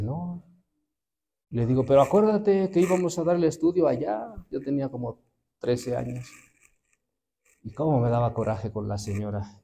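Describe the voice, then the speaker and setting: Preacher, male, 50s; warm sermon storytelling, mid pitch. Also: gravelly. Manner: storytelling, acts out quoted voices, addresses the congregation.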